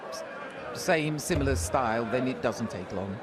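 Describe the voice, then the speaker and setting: A woman's voice: rumbling low, lively intonation, normal speed. A woman co-commentating on live darts as a pundit, in a chatty style. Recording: crowd and clear background noise.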